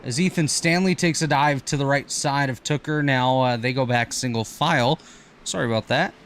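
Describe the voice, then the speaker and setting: A man calling an online racing broadcast as play-by-play commentator, talking quickly and correcting himself on the fly. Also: mid-range voice. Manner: rapid, energetic play-by-play with quick self-corrections.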